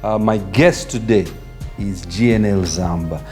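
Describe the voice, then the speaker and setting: A man with a fairly low voice hosts a talk show in a chatty, joking way. He circles back and restarts his questions as he goes. Soft music sits faintly behind him. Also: measured pace. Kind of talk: casual interview hosting.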